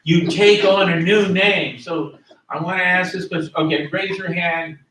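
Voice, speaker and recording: A man's voice: high voice, steady tone, normal speed, fairly bright tone, slight background noise. Man lecturing a class, echoey and distant. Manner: conversational, asks the class questions, repeats key words. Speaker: teacher.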